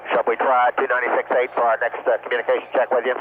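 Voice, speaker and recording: Man, pilot, flat intonation, tinny radio link, hesitant informal reporting. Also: mid-range voice, rapid-fire. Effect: two-way radio. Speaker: pilot giving weather and landing aid reports. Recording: tinny narrow radio link, faint hiss.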